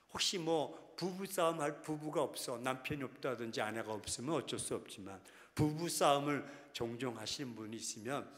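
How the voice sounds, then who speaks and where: A man's voice: mid-range voice, a bit bright. A male pastor preaching in a casual, teasing way to his congregation, now and then breaking into impassioned acted prayers. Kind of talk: sermon. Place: large prayer hall. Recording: long hall reverb.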